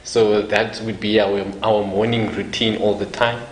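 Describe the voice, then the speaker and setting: A young South African man appears as an evangelist guest in an interview, talking casually at a moderate pace in a lowish voice with little pitch movement. He often laughs softly and restarts his sentences, and the echoey room carries faint noise.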